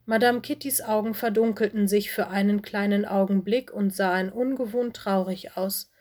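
A woman reads a children's story aloud in a calm, expressive voice. Her delivery stays steady and clear, as is typical for scripted storybook narration. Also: mid-range voice, moderate pace. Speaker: audiobook narrator.

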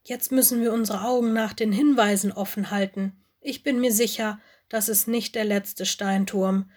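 A woman's voice: mid-range voice, steady tone, moderate pace, a little mellow, natural voice. A woman voicing Lenny, a sensible male bear cub who speaks in an earnest, level-headed way in a storybook reading.

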